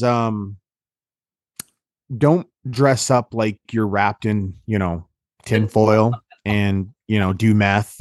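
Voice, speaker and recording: A man's voice: on the low side, no echo, studio quality. A man hosting a podcast in a casual chat, blunt and joking, with a lot of swearing. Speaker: podcast host.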